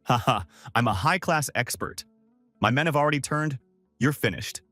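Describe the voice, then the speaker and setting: A man's voice: medium pitch, expressive, normal speed, pushed and bright, no echo, soft background music. A man reading the lines of a smug, boastful male villain in a comic recap, with a sneering, self-satisfied laugh. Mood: gloating.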